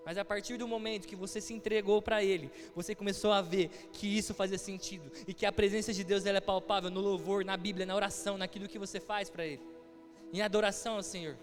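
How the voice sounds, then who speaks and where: A man's voice: sits high, fairly even intonation, fast. A young man with a Brazilian Portuguese accent, preaching a heartfelt testimony sermon and acting out quoted dialogue in a church hall. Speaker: guest preacher. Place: church hall with music behind. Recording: long hall reverb. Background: soft music.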